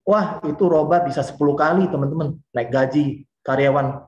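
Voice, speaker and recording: A man in his forties from Indonesia gives a chatty motivational talk and keeps speaking straight to his audience. His voice sits a little high for a man. The recording sounds dull and muffled, with plenty of room echo. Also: a little fast. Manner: lively and chatty, often addresses the listeners directly.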